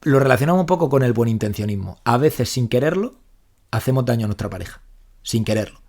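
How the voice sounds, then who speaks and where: A young man with a Spain Spanish accent, a psychologist co-hosting a casual podcast, talks fast and animatedly in a medium-pitched voice, acting out example lines.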